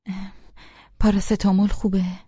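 A woman's voice: medium pitch, level tone, warm tone, breathy edge, no echo, highs cut off, natural voice. A woman voicing a wry young female carer.

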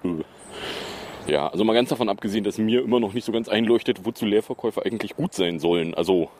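A man's voice: fairly low pitch, fast, a little mellow, slight background noise. A man hosting his own podcast, rambling casually and sarcastically with many fillers. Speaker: podcast host. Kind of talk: casual solo podcast commentary.

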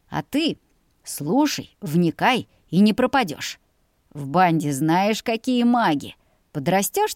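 A woman's voice: mid-range voice, a little mellow, no echo, clean studio sound, lightly acted. A woman voicing a crude, greedy teenage older brother who sneers and threatens. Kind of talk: audiobook character voice.

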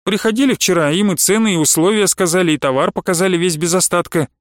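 A man voicing a calm, firm younger merchant who will not budge on price. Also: high-pitched, fast talker, no echo, clean studio sound, close to an everyday voice. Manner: calm, steady, firm refusals.

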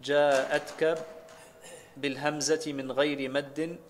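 Flat-voiced man reading a religious text. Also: mid-range voice, fairly quick, a little hiss or hum. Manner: steady recitation of quotes and chains of names. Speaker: student reading the text aloud.

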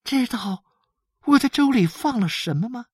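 A man's voice: extremely high pitch, animated, normal speed, darkish tone, breathy edge, dry recording, clean studio sound, voice pushed up, full character voice. A man reading aloud as a cheerful, caring mother, raising his voice into a lilting, coaxing tone. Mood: playful.

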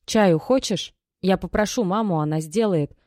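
A woman voices a guilty young woman in an audiobook, low-pitched and quiet, speaking in soft, apologetic tones. The sound is close and dry, with no room around it. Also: moderate pace, no echo, lightly acted. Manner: quiet and conciliatory. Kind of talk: audiobook character voice.

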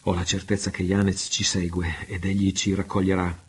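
A man's voice: deep voice, level tone, moderate pace, slight background noise, lightly acted. A man reading aloud the lines of a passionate pirate captain, grieving and defiant. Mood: commanding. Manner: impassioned, declamatory.

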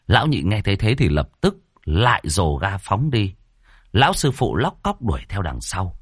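A man narrating a comic ghost story in an expressive way. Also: sits low, husky, dry recording, studio quality.

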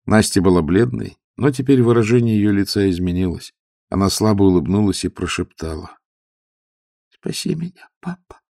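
A man narrating an audiobook in an expressive storytelling manner. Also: sits low, fairly quick, no room sound, clean studio sound.

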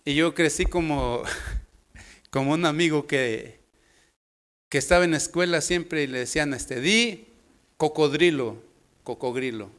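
Preacher guy, slow and easygoing, jokes around, smooth clear voice. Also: on the high side, fairly bright tone. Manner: homely, joking, storytelling. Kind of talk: informal sermon.

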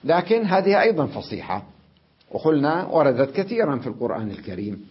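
A man teaching Arabic grammar in a classroom lecture, explaining patiently, repeating key words and reciting verse slowly. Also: on the high side, very animated. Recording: dull lo-fi lecture recording.

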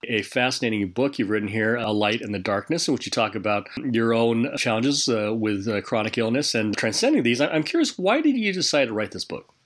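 A man's voice: medium pitch, expressive, fairly quick, few pauses. A man hosting a science show, introducing and interviewing a guest in a prepared, scripted style.

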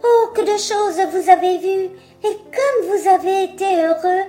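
A woman's voice: extremely high pitch, unhurried, warm tone, soft background music, voice pushed up. A woman voicing a chorus of tiny, curious mice who ask eager, nosy questions. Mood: admiring.

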